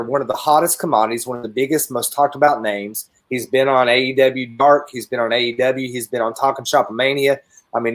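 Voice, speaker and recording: Man, podcast co-host, casual chat, loose, repeats himself. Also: mid-range voice. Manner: enthusiastic storyteller, fillers and repeats.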